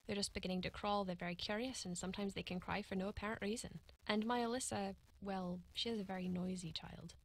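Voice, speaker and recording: An actress voicing a polite, wary young mother, measured in her speech. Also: medium pitch, fairly even intonation, lightly acted.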